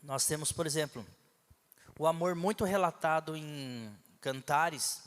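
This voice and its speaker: A man's voice: on the high side, a little slow, fairly bright tone, long reverb tail. A man preaching a sermon in a conversational, teaching way, with asides and rhetorical questions, from a church pulpit. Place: church hall.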